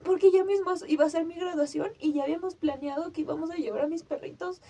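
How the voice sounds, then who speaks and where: High, mellow young woman. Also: fairly even intonation, fast talker, soft background music. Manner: vivid re-enactment, acting out her own cries and shouts. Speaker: podcast host. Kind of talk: casual storytelling chat.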